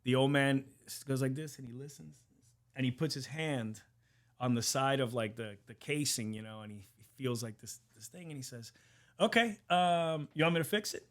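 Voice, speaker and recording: A man's voice: mid-range voice, fairly even intonation, normal speed. A man co-hosting a casual podcast, telling anecdotes animatedly and swearing a lot. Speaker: podcast co-host.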